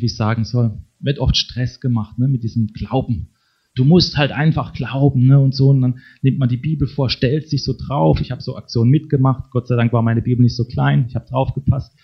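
A middle-aged man preaching a conversational sermon, speaking straight to his listeners and ending many sentences with a questioning tag. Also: mid-range voice. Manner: talks to the congregation directly, tags sentences with a questioning "ne?". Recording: dull lo-fi sermon recording.

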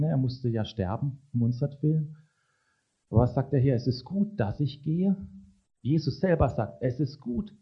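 German-speaking preacher, chatty sermon. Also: male voice, medium pitch, husky, highs cut off. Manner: conversational, tag questions to the congregation.

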